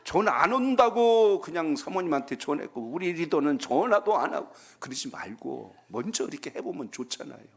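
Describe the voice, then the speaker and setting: A man's voice: on the high side, very animated, fairly quick, gravelly, few pauses. A man, a pastor, preaching a Friday prayer-meeting sermon in a church, calling for amens and telling folksy jokes. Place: church sanctuary.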